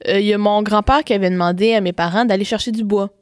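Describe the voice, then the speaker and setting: A woman's voice: medium pitch, steady tone, fast talker, no room sound, clean studio sound. A young woman with a Québécois French accent, co-hosting a casual chat, telling her stories hesitantly. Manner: hesitant, many restarts, laughs easily. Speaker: co-host.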